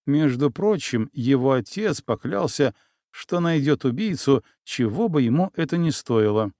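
A man voicing a sharp, suspicious young woman necromancer in an audiobook, with an insistent, prickly way of talking. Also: mid-range voice, lively intonation, a little slow, no echo, studio quality. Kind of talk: audiobook character voice.

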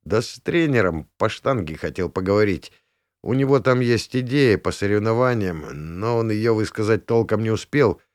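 A man reading an audiobook, voicing an injured young man in a hospital bed who speaks quietly and wearily. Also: on the low side, no echo, natural voice. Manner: quiet, tired, dry. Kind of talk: audiobook character voice.

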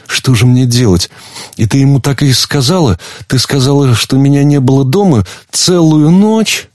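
A man's voice: mid-range voice, moderate pace, darkish tone, no echo, studio quality, pitched above the performer's own voice, close to an everyday voice. A man reading an audiobook, voicing a frightened, weak-willed husband who pleads and stammers in panic. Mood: panicked.

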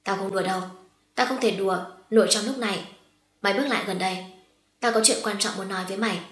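A woman's voice: medium pitch, fast talker, fairly bright tone, natural voice. Wounded young woman, firm and cutting, read by a woman narrator; echoey room. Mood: angry. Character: wounded young woman, calm but fierce.

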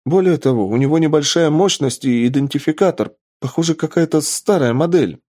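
A man's voice: lowish voice, lively intonation, takes it slowly, dark tone, breathy edge, no room sound, clean studio sound, full character voice. A man doing a breathless, eager young lab assistant. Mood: excited.

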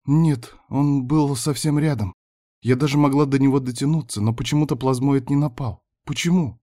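A frightened young girl on the run, pitched far above a man's voice and pleading in alarm, as a male narrator puts her on. The storybook reading keeps her voice fragile. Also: steady tone, moderate pace, mellow, no room sound, studio quality, natural voice. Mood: anxious.

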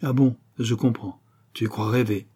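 A man's voice: medium pitch, fairly even intonation, a little slow, warm tone, husky. A man reading a French novel aloud, voicing a bluff, teasing male crook with a scheming streak.

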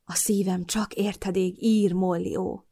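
A woman voicing a young man, a teasing boyfriend with a sharp, scornful edge, in an audiobook. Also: mid-range voice, animated, lightly acted. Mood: tender murmur. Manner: teasing, then scornful and cutting.

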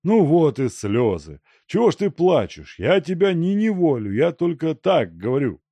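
A man's voice: a little high, very animated, moderate pace, mellow, dry recording, voice pushed up. Man doing a fretful old father. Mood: exasperated. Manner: fretful, pleading. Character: worried old merchant father, fussy and anxious.

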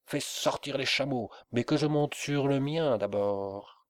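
A man voicing a boisterous wandering mollah who is really a bold trickster, declaiming slowly and with emphasis. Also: medium pitch, no echo, pitched above the performer's own voice, lightly acted. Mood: exuberant.

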